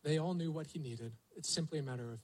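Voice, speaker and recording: A man's voice: on the high side, fast talker, a little mellow, poor audio. A male pastor preaching a sermon, telling the story vividly and asking the congregation rhetorical questions.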